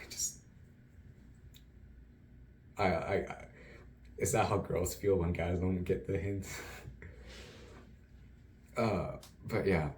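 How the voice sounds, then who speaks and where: A young man, a university student, narrates his day in a diary vlog, his voice low and a little mellow against slight background noise. He rambles, amuses himself, and laughs often.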